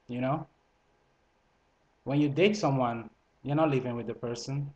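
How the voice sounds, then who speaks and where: A man's voice: mid-range voice, a little slow, a little mellow, low-quality recording. Man with a mixed Italian-French accent. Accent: multilingual, Italian and French mixed into English. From Italy. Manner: conversational, frequent fillers and restarts. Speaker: vlogger. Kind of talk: casual advice monologue to camera.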